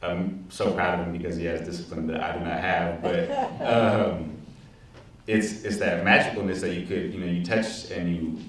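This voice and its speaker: A male teaching artist in his 20s speaks as a panelist in a panel discussion on a large auditorium stage, using a handheld mic. His very low, flat voice is earnest and reflective at a moderate pace, and he repeats words while thinking, with distant, echoey hall sound.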